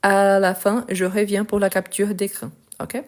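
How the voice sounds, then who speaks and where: A woman's voice: medium pitch, little pitch movement, a little slow. A woman with a non-native accent in French, teaching a live online lesson. She explains step by step, often checks in with the viewers, and tends to speed up as she talks. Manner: tends to speed up while talking.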